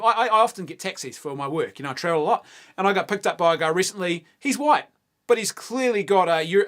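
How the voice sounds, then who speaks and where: A man's voice: sits high, fairly bright tone. A man, co-hosting a casual debate, arguing his point earnestly and insistently, with stumbling restarts. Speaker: co-host.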